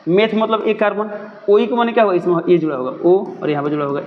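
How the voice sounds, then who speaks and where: A man's voice: high-pitched, lively intonation, quick pace, long reverb tail, narrow, tinny audio, a little hiss or hum. A young man teaching a chemistry lesson, who keeps asking his own questions and answering them.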